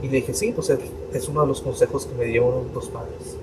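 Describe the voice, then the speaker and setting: A young adult priest shares a personal story on a podcast, imitating his parents' voices along the way. He talks briskly at medium pitch, recorded on a distant mic with steady room noise.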